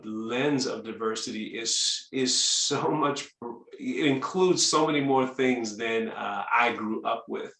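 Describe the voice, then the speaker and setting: Gravelly-voiced man hosting an interview. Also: mid-range voice, bright, forceful tone, reverberant. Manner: chatty, restarts often, reads audience questions. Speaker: host. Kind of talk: webinar interview.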